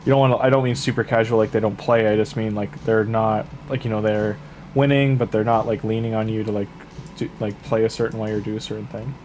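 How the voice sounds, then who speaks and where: This man's lowish voice moves quickly as he livestreams a game late at night, chatting loosely with viewers and offering laid-back advice stuffed with fillers. He's still sniffling from a cold he's almost over, and there's a little background noise.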